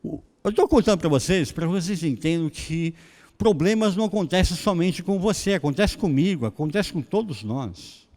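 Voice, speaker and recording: A man's voice: high voice, normal speed. A middle-aged Brazilian man with a Brazilian Portuguese accent, preaching a sermon and telling a personal story, acting out the dialogue in different voices. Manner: animated, acts out dialogue in voices. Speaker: pastor. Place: church hall. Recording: reverberant church hall.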